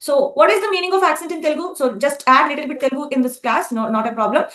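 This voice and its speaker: A woman's voice: high voice, expressive, very fast, a bit bright. A woman teaching a spoken class, explaining with fillers and frequent checking questions. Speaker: English teacher. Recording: roomy echo.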